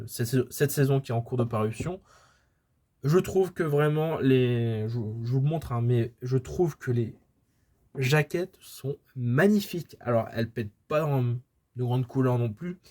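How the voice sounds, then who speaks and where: A man's voice: mid-range voice, darkish tone. A man chatting casually about his manga purchases, rambling with many hesitations and restarts, filming at home. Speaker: manga collector vlogger. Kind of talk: casual haul video chat. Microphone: camera filming books, speaker off-frame.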